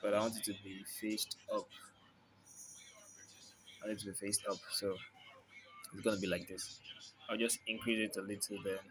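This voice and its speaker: Flat-voiced man narrating a design tutorial. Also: lowish voice, moderate pace, pauses often, background noise. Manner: narrates each step plainly while working, thinking aloud. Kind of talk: screen-recorded design tutorial.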